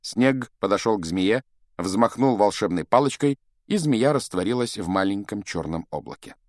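A man reads a storybook aloud in a low voice with a lively, rising-and-falling delivery. He acts out each character as he goes. The recording is dry and close, with no room sound. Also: moderate pace, dry recording. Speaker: audiobook narrator. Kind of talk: expressive storybook narration.

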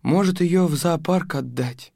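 A mild, puzzled father, as a woman reading a storybook lowers her voice. He speaks low and unhurried. The sound is close and dry. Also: vocal fry, a little mellow, no room sound.

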